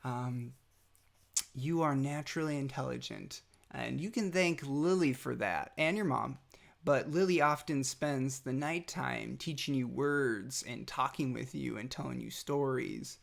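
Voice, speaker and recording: Man, gravelly voice, medium pitch, rambling loving talk to his kid, many fillers, just after nose surgery. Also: a little slow. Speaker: father recording a birthday message. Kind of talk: casual personal message.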